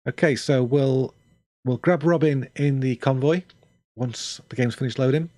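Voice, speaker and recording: A man's voice: medium pitch, a little slow, darkish tone, dry recording. An older man chatting casually on a game stream, rambling with dry, self-mocking humor. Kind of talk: casual live-stream chat.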